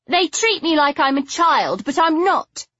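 A woman's voice: on the high side, moderate pace, a bit bright, highs cut off, voice pushed up. A woman reading an audiobook, voicing a sulky, stubborn young woman who sounds plaintive and scornful. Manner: petulant, spitting, insistent.

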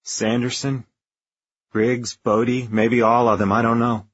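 An actor playing a terrified young lieutenant trapped on a stricken spaceship in an audio drama, halting, shaky and despairing. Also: male voice, mid-range voice, flat delivery, husky, lo-fi sound. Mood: shocked, distraught.

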